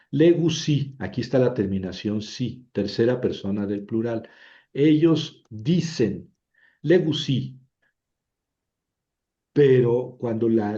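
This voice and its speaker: A man teaching ancient Greek grammar, patiently spelling out syllables and often checking in with a quick tag question. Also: mid-range voice, mellow, dull audio. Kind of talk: slow classroom explanation.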